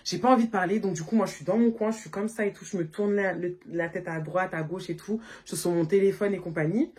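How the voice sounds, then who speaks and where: Husky-voiced woman telling a story. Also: on the low side, fast talker. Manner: animated, slangy, full of fillers. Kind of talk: casual storytime. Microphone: phone camera.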